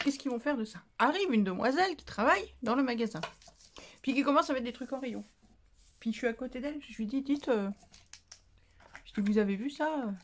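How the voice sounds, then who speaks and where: A woman's voice: on the high side, a little hiss or hum. A woman chatting casually in a craft haul vlog, rambling with fillers and making fun of herself. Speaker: craft vlogger.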